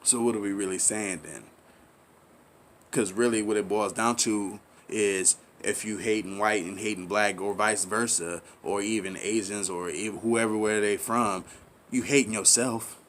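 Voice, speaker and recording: With a lowish, slightly bright voice, fairly even intonation and a measured pace, a commentary channel host speaks over a faint hiss or hum. His monologue is impassioned yet rambling and preachy, repeating itself while he asks rhetorical questions and urges the audience in slang.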